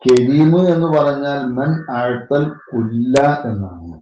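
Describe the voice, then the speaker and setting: A man with a Malayalam accent, working as a religious teacher, slowly explains the grammar of a classical Arabic poem and parses it word by word. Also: medium pitch, lively intonation, highs cut off. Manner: slow, deliberate parsing with Arabic terms. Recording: echoey room with faint noise.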